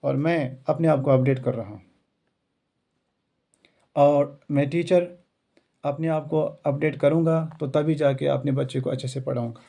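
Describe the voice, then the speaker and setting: A man's voice: on the high side, steady tone, unhurried, vocal fry, pauses often, warm tone. A male Indian schoolteacher who learned English on his own gives an earnest, motivational talk to students and teachers. He stacks up repeated rhetorical lines. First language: not English; self-taught English. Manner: earnest, repetitive rhetorical build-ups.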